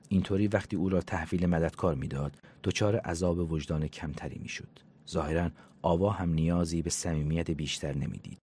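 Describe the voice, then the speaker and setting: A man narrating an audiobook in an even, measured storytelling manner. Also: deep voice, husky.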